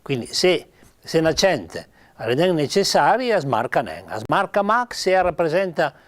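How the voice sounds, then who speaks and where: A man with a Piedmontese accent explaining pronunciation in an informal lesson. His pitch rises and falls a lot, and he says sample words patiently and slowly, one at a time. He fills his pauses with hesitant "ehm" sounds. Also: big pitch swings. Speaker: writer explaining spelling.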